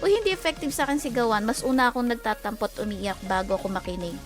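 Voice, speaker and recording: A young adult woman with a Filipino accent chatting casually and teasingly on a game livestream, quick to laugh. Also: on the high side, soft background music. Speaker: game streamer.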